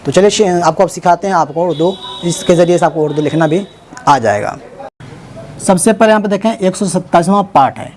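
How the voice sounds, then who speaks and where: A man teaching Urdu script online, spelling out each word slowly letter by letter and checking in often with the viewer. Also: high-pitched, animated, a little mellow, a little hiss or hum. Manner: slow spelling out letter by letter, repeating words; informal, self-correcting, many "theek hai na" check-ins. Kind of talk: online writing lesson.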